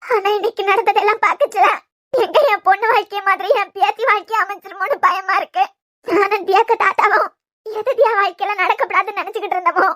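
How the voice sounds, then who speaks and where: A woman voicing a loving, worried old grandmother in a cartoon serial, speaking softly in a Kanyakumari Tamil accent. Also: very high-pitched. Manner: soft, coaxing, affectionate.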